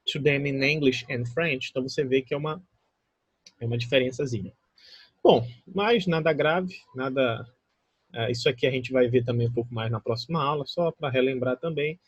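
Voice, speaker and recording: Brazilian guy teaching english, portuguese first language, kinda husky, middle pitch, dry close mic, checks in a lot. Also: no echo, lo-fi sound. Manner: explains patiently, often checks with "né?" and "tá?". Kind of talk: recorded online English lesson.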